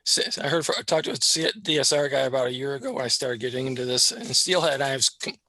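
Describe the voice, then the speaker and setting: A club member telling a story in a casual discussion, in an animated way. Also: male voice, medium pitch, quick pace.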